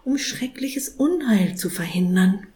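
A woman's voice: high-pitched, animated, unhurried, darkish tone, voice pushed up. A woman voicing a small, eager male tomcat who speaks earnestly and politely pleads for help. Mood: pleading.

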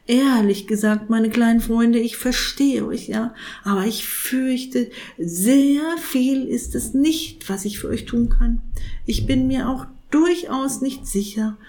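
A woman voicing a gentle, unworldly old male saint who speaks slowly, solemnly and kindly. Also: fairly high pitch, voice pushed up. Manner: slow, solemn, pondering, kindly.

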